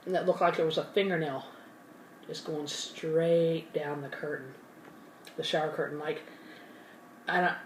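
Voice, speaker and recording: A woman's voice: deep voice, recorded from a distance. A woman telling a story in loose, casual chat, stopping to eat and fixing her own details as she goes. She sits back from the mic in a roomy space, with a faint hum of ambience behind her. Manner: rambling, self-correcting, talks with mouth full. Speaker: ASMR channel host. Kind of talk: casual storytelling while eating.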